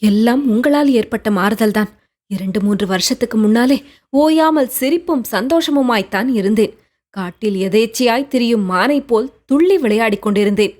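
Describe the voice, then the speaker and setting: This audiobook character reading features a woman as a wistful, lovelorn young woman speaking plaintively and earnestly about her sorrow. The voice is fairly high, a little mellow and close to everyday speech, delivered at a normal speed.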